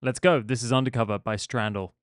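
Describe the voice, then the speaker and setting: A man's voice: mid-range voice, fairly even intonation, a little fast, dry recording, studio quality. A man hosting a music feedback live stream, chatting and joking with his viewers in a casual way. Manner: chatty and jokey, talking to viewers in chat.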